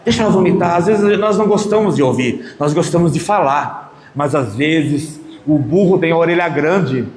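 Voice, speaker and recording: A middle-aged man from Brazil, a lay preacher telling stories in a sermon at a prayer group, dramatic and swinging between loud bursts and soft asides. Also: a little high, normal speed. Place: prayer group meeting hall. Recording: echoey hall with long reverb, faint room noise.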